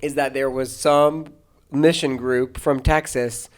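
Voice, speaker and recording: A man's voice: medium pitch, fairly even intonation, takes it slowly. A man, an American pastor and podcast host, telling long anecdotes in casual chat, with many restarts and bursts of laughter.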